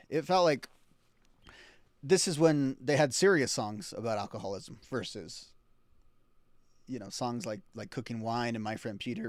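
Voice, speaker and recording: Male podcast host, casual music talk, chatty and lively, dry close-miked sound. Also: medium pitch, no room sound. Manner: chatty, swings between excited and quiet asides.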